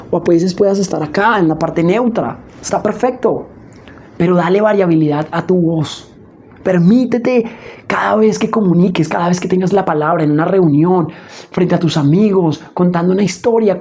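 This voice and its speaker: A woman teaching public speaking in a spoken lesson, expressive and often checking in with her listeners. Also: on the low side, a little hiss or hum. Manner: expressive, demonstrates emotions with her voice; frequent checking "¿sí?" asides.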